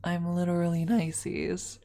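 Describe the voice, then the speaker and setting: A young adult woman streaming, chatting casually and thinking out loud as she plans a role-play with her chat, laughing often and swearing freely. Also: fairly low pitch, flat delivery, takes it slowly, gravelly. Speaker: ASMR streamer.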